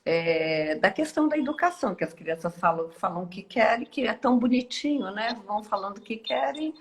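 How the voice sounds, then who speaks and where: A woman, hosting a reflective live online talk in a slow, musing way with many hesitations and tag questions. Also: mid-range voice, expressive, rough recording. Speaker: host.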